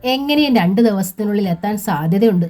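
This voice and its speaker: A woman's voice: medium pitch, expressive, brisk, a little mellow, faint music behind, lightly acted. A woman voicing a helpful young man who speaks in an earnest, reassuring way in a storybook reading.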